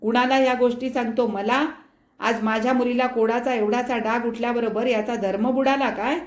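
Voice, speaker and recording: A woman voicing a furious, short-tempered middle-aged father who shouts abuse in loud outbursts, heard in an echoey room. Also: fairly high pitch, steady tone, moderate pace, voice pushed up, close to an everyday voice. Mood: raging.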